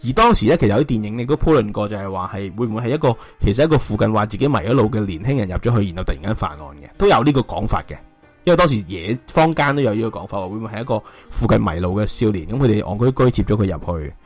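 A man's voice: on the low side, lively intonation, very fast, husky, faint music behind. A man with a Hong Kong Cantonese accent hosting a casual true-crime discussion, speculating colloquially and throwing out rhetorical questions. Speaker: podcast host.

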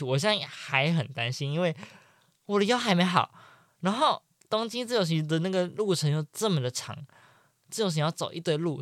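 A young man from Taiwan hosting a podcast, telling a personal story in an animated, chatty way that swings from loud excitement to quiet mumbling. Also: on the high side, dry recording, clean studio sound. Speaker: podcast host. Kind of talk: casual storytelling monologue.

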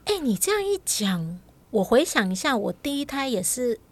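Woman, 30s, higher voice, reactive co-host energy. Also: very animated. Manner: quick reactive interjections, finishes the other's sentences. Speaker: podcast co-host. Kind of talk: casual chat.

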